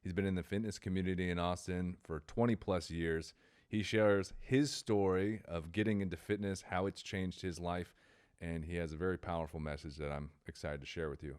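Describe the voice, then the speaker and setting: A man's voice: low voice, steady tone, moderate pace, smooth. A man hosting a fitness podcast, reading an upbeat intro and then chatting with a guest. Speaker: podcast host. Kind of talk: podcast interview.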